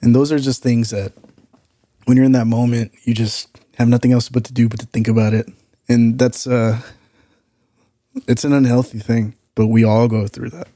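Male podcast co-host, soft-edged mellow tone, medium pitch, reflective casual chat with slang. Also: flat delivery, normal speed, no room sound, clean studio sound.

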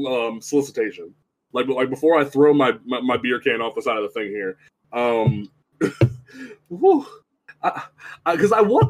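Rambling man with lots of fillers. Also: mid-range voice. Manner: rambling, many fillers and restarts, animated asides. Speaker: podcast co-host. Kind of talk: casual chat.

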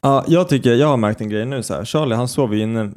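A man's voice: mid-range voice, a little mellow. A young man from Sweden co-hosting a podcast, telling parenting stories in casual chat, swearing and laughing often. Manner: swearing, laughing, rambling storyteller. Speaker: podcast co-host.

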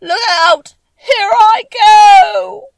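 A wicked, cunning old witch from a storybook. Her voice is high and shrill, wailing theatrically and stretching out her words with great force. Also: creaky, dry recording, recorded from a distance, heavily acted, rough recording. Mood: wailing, despairing. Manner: theatrical, drawn-out cries.

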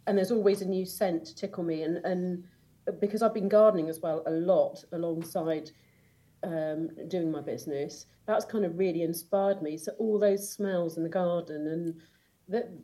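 A woman's voice: fairly low pitch, fairly even intonation, moderate pace, dark tone, rough recording. Woman guest, enthusiastic and giggly, rambling casual chat. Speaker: podcast guest.

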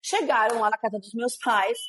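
A woman casually telling a family story, animated and often laughing as she talks. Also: a little high, moderate pace, husky. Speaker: storyteller guest.

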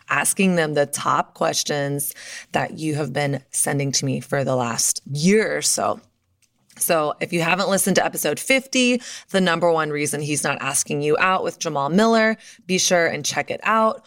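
A woman hosting a podcast in a chatty, emphatic, confiding way, talking straight to listeners with a towel over her head and microphone. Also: low voice. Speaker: podcast host. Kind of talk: upbeat scripted podcast introduction with casual asides, addressed to listeners. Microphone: computer and microphone under a towel draped over her head in an office.

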